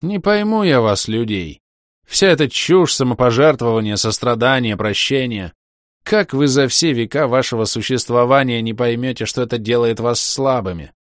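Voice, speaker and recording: A man voicing a haughty, contemptuous four-armed male alien overlord in an audiobook, loud and commanding. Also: fairly low pitch, big pitch swings, moderate pace, no room sound, clean studio sound.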